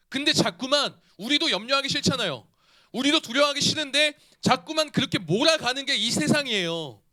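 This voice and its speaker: A man in his thirties giving a youth sermon as pastor, animated and often asking his listeners questions. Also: very high voice. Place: church.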